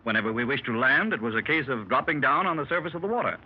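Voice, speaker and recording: In 1930s radio drama style, a male actor plays a learned, middle-aged explorer recounting his expedition to fellow club members, a formal, old-fashioned, clubby storyteller. His mid-range, slightly rough voice is fast with lively intonation, yet the mood stays measured. The 1930s radio transcription is muffled and hissy.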